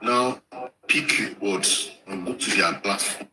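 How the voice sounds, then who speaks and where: A man calling in over a glitchy, breaking-up phone connection, talking haltingly and repeating words. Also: lowish voice. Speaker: caller. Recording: echoey, noisy call line.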